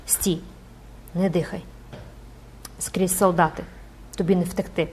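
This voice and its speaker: A woman's voice: mid-range voice, normal speed, darkish tone, a little hiss or hum, close to an everyday voice. A woman voicing an older mother, torn between tearful joy and terror, who cries out prayers to God. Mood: frantic. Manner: emotional, exclaiming prayers. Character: older grieving mother, frantic and overjoyed.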